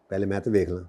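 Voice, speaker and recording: A man giving an accounting lecture, mixing casual explanation with slow, word-by-word dictation in English. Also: low voice, dark tone. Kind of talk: classroom lecture, dictating answers slowly.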